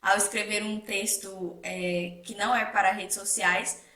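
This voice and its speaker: A young woman co-hosting a casual chat, relaxed and agreeable, thinking out loud as she talks. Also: medium pitch, a little slow. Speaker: co-host. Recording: echoey room, mic at a distance.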